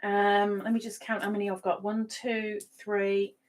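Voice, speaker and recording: A woman hosts a laid-back livestream, bantering playfully with sing-song asides and reading viewers' adverts aloud. Her voice sits at a medium pitch, and her delivery is flat and unhurried.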